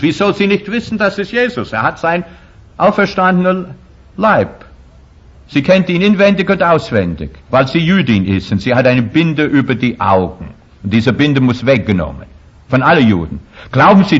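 Husky-voiced male preacher, lo-fi sound. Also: medium pitch. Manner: emphatic preaching with frequent grammar slips. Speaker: pastor. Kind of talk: sermon.

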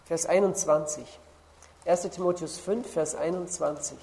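A woman preaching a sermon, slowly stressing key words and pausing to look up Bible verses. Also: lowish voice, steady tone, gravelly, mellow.

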